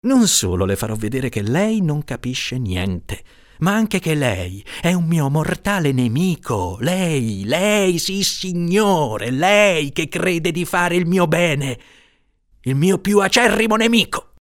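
A man reading aloud, voicing a grim, stubborn man with a jinx reputation who speaks insistently with bitter, drawn-out emphasis. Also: on the high side, big pitch swings, voice pushed up.

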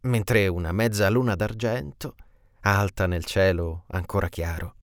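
A man reading a classic tale aloud with an expressive storytelling delivery. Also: low-pitched, a little slow, dry recording, clean studio sound.

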